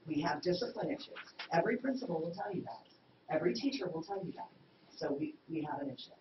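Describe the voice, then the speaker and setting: A woman's voice: on the low side, lively intonation, quick pace. A woman on a school board argues her point firmly and insistently during a meeting. She is heard from a distance in an echoey room, with dull, noisy sound. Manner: insistent, defensive, firm.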